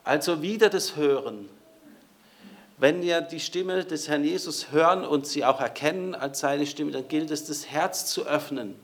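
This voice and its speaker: A man's voice: a little high, unhurried. A man preaching a sermon in a conversational way, speaking directly to his listeners.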